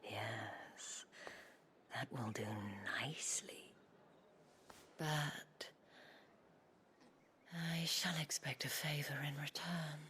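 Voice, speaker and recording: An actress voicing a sly, seductive woman brothel madam in a video game cutscene, speaking in a husky half-whisper. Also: low voice, extremely slow, pauses often, bright, forceful tone, slight background noise, exaggerated voice. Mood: scheming.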